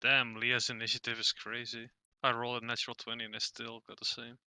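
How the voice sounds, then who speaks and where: A man's voice: medium pitch, completely flat delivery, fairly quick, bright, forceful tone, clear, resonant tone, no room sound. A man playing a tabletop game, joking and laughing casually. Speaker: player. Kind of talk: casual chat.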